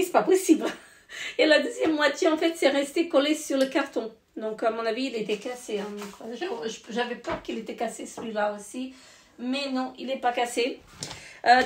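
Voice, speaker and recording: A hoarse woman in her forties casually showing her grocery haul, rambling with lots of fillers and self-corrections. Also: high-pitched, reverberant, slight background noise.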